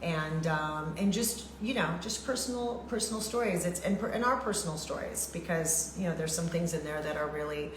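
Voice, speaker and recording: A middle-aged woman hosts a relaxed chat, rambling warmly with lots of ums and repeats. Her voice sits a little low, in a reverberant room with a faint hiss underneath. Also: brisk, hardly any pauses. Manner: chatty, lots of fillers and repeats. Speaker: show host. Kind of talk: casual livestream chat. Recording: echoey room with faint noise.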